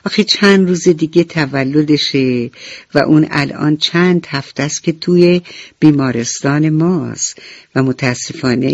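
A woman storyteller voicing a kind, caring nurse, talking in a gentle, soothing way. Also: low voice, no room sound. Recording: dull radio recording with faint music.

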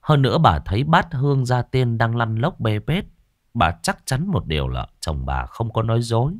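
A man narrating a ghost story in a dramatic, expressive storytelling manner. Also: medium pitch, moderate pace, dry recording, studio quality.

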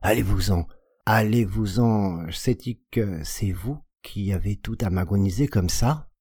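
A man reading an audiobook and voicing a robust, hateful peasant woman of about forty who whines in a strained high falsetto and flares into furious shouting. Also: a little slow, slightly rough, dry recording, studio quality. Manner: whining, hypocritical, turning to furious shouting.

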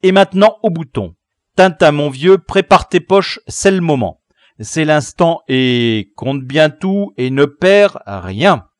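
A man doing a loud bossy village boy, the gang leader, yelling orders in a high pushed-up voice and mocking his prisoner, his tone swinging all over the place. It's a storybook reading recorded close and dry. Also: very animated, measured pace, no echo. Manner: loud, jeering, commanding.

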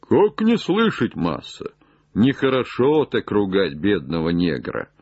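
Man doing a shrill old male servant, wary and sly, husky, slow drawl, audiobook. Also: wildly swooping pitch, a little mellow, dry recording, highs cut off, full character voice. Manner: high drawn-out calls from far up a tree.

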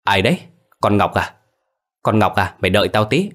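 A man's voice: fairly low pitch, sing-song, normal speed, a bit bright. A man voicing a greedy, cowardly village boy, with a whiny, yelping manner. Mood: grumpy. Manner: whiny, yelping when scared.

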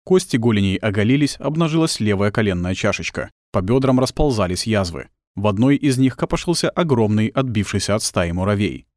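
A man narrating a dramatic audiobook in an expressive storytelling manner. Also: fairly low pitch, fairly quick, hardly any pauses, no echo, clean studio sound.

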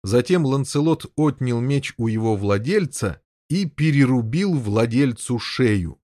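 A male narrator reads a story with an even, steady delivery. His voice sits at a middle pitch. The recording is dry and close, with no room sound. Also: a little slow, no room sound. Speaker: audiobook reader. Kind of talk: scripted narration.

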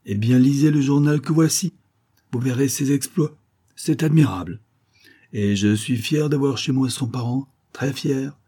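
Un homme qui interprète un patron d'atelier autoritaire, mais ici cordial et chaleureux, dans un livre audio. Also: male voice, mid-range voice, unhurried, warm tone, husky, voice pushed up. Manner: hearty, jovial. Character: male boss, authoritarian yet cordial.

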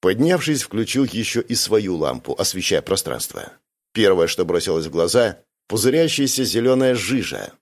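A man reading first-person science fiction narration in an even, steady storytelling voice. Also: fairly low pitch, moderate pace. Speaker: audiobook reader.

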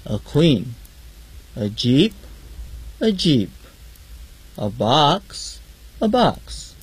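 A man models English words for learners, saying each one twice with great deliberation. His delivery is extremely slow and his voice very breathy, with a lot of rise and fall in the intonation. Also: fairly high pitch, darkish tone. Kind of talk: recorded pronunciation drill.

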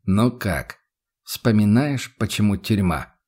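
Guy voicing a calm stern investigator, even and pushy with his questions. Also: on the low side, takes it slowly, breathy edge, full character voice. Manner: restrained, level, insistent questioning.

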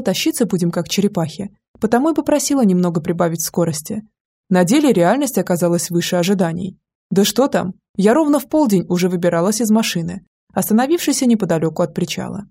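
Brief: female audiobook narrator, warm and breathy, lively first-person storytelling. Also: medium pitch. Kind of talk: scripted narration.

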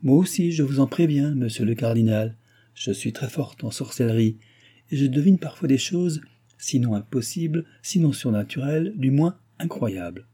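A man's voice: mid-range voice, animated, moderate pace, mellow, husky. A man voicing a proud, teasing young royal princess in a lilting, raised court voice, read as an audiobook figure.

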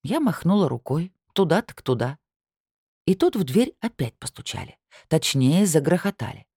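A woman reading a novel aloud in the first person, with an expressive, lively delivery. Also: deep voice, normal speed, slightly rough, no echo, studio quality. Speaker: audiobook narrator. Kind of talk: first-person audiobook narration.

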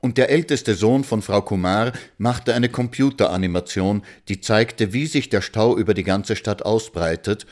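A man narrates a storybook in a calm, measured way. His voice sits on the low side, and he tells the story plainly and steadily.

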